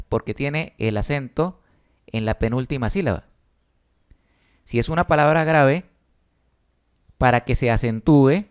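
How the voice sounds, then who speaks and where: Slow, patient male teacher. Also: mid-range voice, clear, resonant tone. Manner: slow, patient explaining with emphatic stresses. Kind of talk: spelling and accent lesson.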